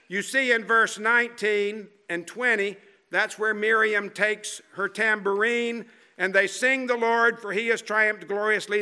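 Male preacher, high and bright, slow dramatic delivery, sinks to a soft hush for emphasis. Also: clean tone. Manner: dramatic, animated storytelling with rhetorical questions; drops to a quiet, slow, low voice for emphasis. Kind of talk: sermon.

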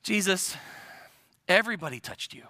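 A sarcastic, eye-rolling fisherman, fed up and condescending, sighing at the crowd, as a preacher puts him on. His pitch climbs high and the voice stays bright. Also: expressive, moderate pace, no room sound. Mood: exasperated. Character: exasperated male fisherman apostle, condescending.

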